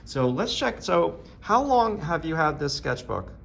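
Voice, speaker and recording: A man's voice: on the high side, very animated, a little slow, creaky, fairly bright tone, slight background noise. A man hosting a casual interview in a classroom as art teacher, gushing with praise. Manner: enthusiastic, effusive praise. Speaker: art teacher and video host. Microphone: handheld camera, no tripod.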